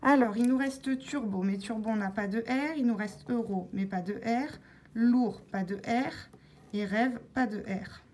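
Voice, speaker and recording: A woman vlogger talking through her scratch-card tickets, calmly spelling out letters one by one as she checks each word, with scratching sounds behind her. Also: on the high side, a little slow, slight background noise. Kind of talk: casual narration while scratching tickets.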